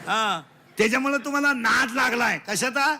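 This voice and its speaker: A man with a Marathi accent giving a comic devotional sermon, loud and teasing, quizzing his listeners in call-and-response and mixing in broken English lines. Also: extremely high pitch, normal speed, noisy background. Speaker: kirtan preacher.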